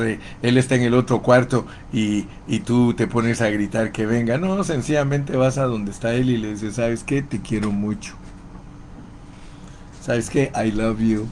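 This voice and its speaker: A man's voice: mid-range voice, a little hiss or hum. A man preaching a sermon as pastor, folksy, calling listeners brother and chanting short repeated phrases.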